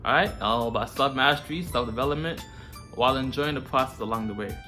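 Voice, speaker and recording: A man speaks directly to the viewer as host of a self-improvement series. His voice is bright and forward, and his delivery is informal and full of slang. Music plays softly behind him. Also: mid-range voice, quick pace. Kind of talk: casual direct-to-viewer advice talk.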